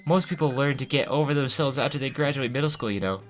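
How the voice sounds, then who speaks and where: A man's voice: low-pitched, animated, a little fast, fairly bright tone, faint music behind. A man reading as a cold, reserved schoolgirl. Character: reserved, cutting teenage girl.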